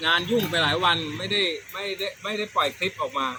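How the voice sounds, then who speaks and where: A middle-aged man hosts a comedy storytelling show, telling funny stories in a relaxed, chatty way with repeated words and crude slang. His voice sits high and moves fast over a noisy background.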